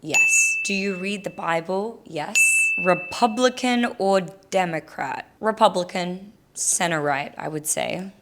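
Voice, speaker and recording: A woman's voice: fairly low pitch, slow pace, few pauses, a bit bright, slight background noise. A young woman from Australia with a mixed Australian and American accent, frankly answering viewer questions in a casual vlog. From Australia, Gold Coast. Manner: candid, frank, chatty.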